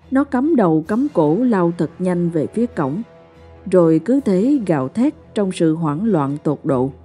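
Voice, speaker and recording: A woman narrates a ghost story in a slow, ominous manner. Her voice is low and mellow, with faint music underneath. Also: husky.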